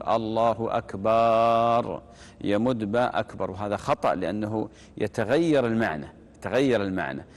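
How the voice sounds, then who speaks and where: A man giving religious instruction on prayer, repeating key phrases and demonstrating them slowly. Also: on the low side. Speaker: religious teacher. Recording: long reverb.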